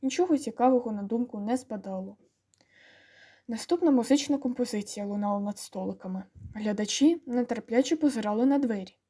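A woman narrating an audiobook with lively, expressive storytelling. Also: on the high side, fairly quick, breathy edge.

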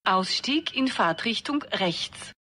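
A woman reading onboard train announcements in a formal, even delivery. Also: medium pitch, takes it slowly.

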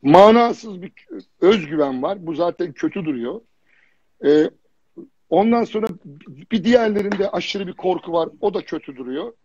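High, husky man telling stories bluntly. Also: normal speed, no room sound. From Germany. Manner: animated storytelling with repetitions and blunt slang. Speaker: fitness jury member, guest. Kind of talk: casual livestream chat. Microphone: phone or computer on a live video stream. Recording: dull lo-fi livestream audio.

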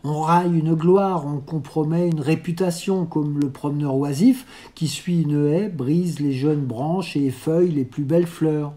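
A mellow, warm voice reads an old novel aloud at a measured, unhurried pace. The delivery stays literary and steady, with a middling pitch. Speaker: audiobook reader. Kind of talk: reading a classic novel aloud.

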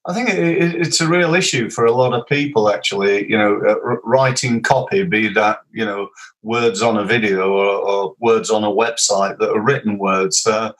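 A man's voice: lowish voice, moderate pace, a bit bright, poor audio. Middle-aged man hosting, hesitant questions. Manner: hesitant, searching questions with fillers. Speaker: podcast host. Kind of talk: casual interview.

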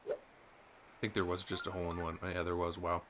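A gaming channel host commentates casually on his own gameplay, upbeat and chatty, with bits of gamer slang. He speaks a little fast in a low, monotone voice, with game music and other background noise behind him.

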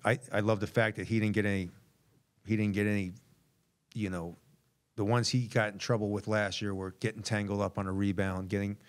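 A man's voice: on the low side, little pitch movement, brisk. A middle-aged man, a basketball head coach, answering reporters candidly at a postgame press conference, repeating words as he thinks, into a table mic.

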